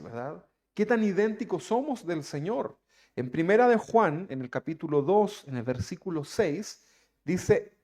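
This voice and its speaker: Higher-pitched preacher man. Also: a little mellow. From Chile. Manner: keeps asking the audience rhetorical questions. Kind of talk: sermon.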